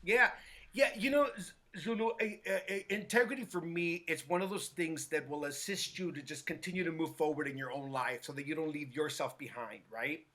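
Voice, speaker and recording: A man, a hairstylist guest, telling a story in an animated way and acting out what others said. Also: a little high, a little fast. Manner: acts out quotes with lively voices, many restarts.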